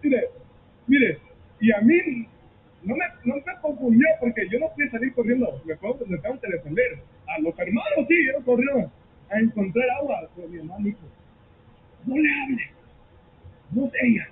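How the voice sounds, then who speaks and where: A high-voiced man preaches to his congregation, slipping between Spanish and English as he goes. He tells his stories in an animated way and acts out the quotes. The sound is thin and phone-like, with a faint hiss behind it. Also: normal speed. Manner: switches between Spanish and English mid-sentence; animated storytelling with acted quotes. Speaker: pastor. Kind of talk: sermon.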